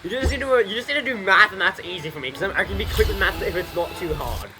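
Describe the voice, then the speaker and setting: A young man with a high, expressive voice comments casually on his gameplay at a quick pace. The streamer rambles, swears and repeats himself while game music plays behind him.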